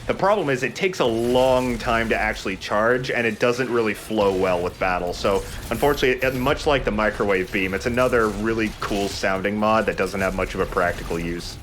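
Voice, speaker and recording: Narrating his shooter gameplay, this man keeps it informal, jokey and explanatory. His voice sits on the low side and is a bit bright, and he talks a little fast with few pauses. A little hiss or hum runs under the recording.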